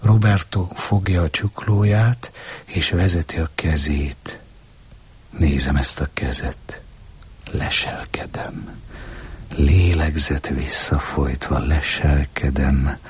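A man narrating a literary text in a hushed voice that often drops to a whisper. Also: extremely low pitch, fairly even intonation, slightly rough. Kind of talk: literary reading.

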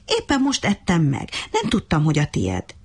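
A woman's voice: lowish voice, huge pitch swings, darkish tone, slightly rough, heavily acted. A woman voicing a strict, fair-minded hare who acts as referee, speaking in a stern, official way.

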